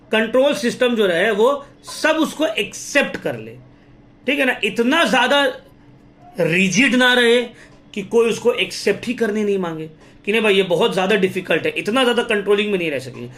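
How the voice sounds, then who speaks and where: A young man from India, lecturing students on business studies and using English terms and small acted examples. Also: high voice. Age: young adult. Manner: lively, talks straight to students with Hinglish terms and acted examples. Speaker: teacher. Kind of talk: exam-prep lecture.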